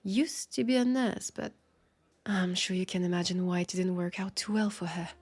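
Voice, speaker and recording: The French-accented woman playing the guarded but friendly vampire officer speaks at normal speed in a low, darkish voice with a breathy edge. Her tone in this intimate, one-sided roleplay audio drama is hesitant and wry, like a confession.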